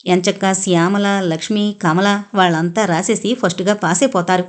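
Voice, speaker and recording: A woman's voice: medium pitch, steady tone, normal speed, close to an everyday voice. Casting: a defiant, hot-tempered schoolgirl in a storybook reading, voiced by a woman narrator. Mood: indignant. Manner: indignant, pleading, read aloud. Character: angry tearful schoolgirl, stubborn and proud.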